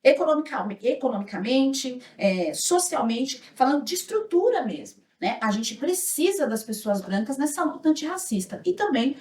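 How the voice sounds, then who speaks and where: A Brazilian woman with a high voice leads a workshop in a hotel auditorium. She speaks earnestly and reflectively, tagging her lines with "né?". She sounds set back from the mic, and the room echoes around her. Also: big pitch swings, moderate pace, few pauses, a little mellow, distant mic. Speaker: speaker leading an anti-racism workshop. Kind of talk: workshop talk with a small group.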